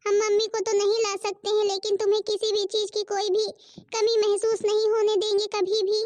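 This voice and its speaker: A woman's voice: very high-pitched, little pitch movement, a little fast, a little mellow, distant mic, a little hiss or hum. A woman voicing a dutiful young daughter-in-law in a cartoon, talking earnestly and reassuringly. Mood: comforting. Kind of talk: Hindi cartoon voice acting.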